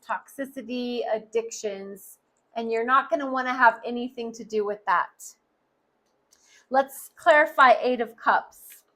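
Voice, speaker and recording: Woman tarot reader, earnest, speaks directly to listener, unhurried delivery. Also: on the high side, fairly bright tone. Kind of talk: tarot card reading monologue.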